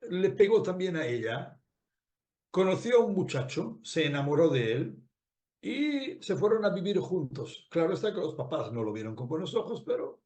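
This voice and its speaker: A man with a high, light voice tells a long moral story as a rabbi preaching. He talks in an animated way, repeats phrases and puts rhetorical questions to his listeners. The sound rings in an echoey room. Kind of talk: storytelling sermon.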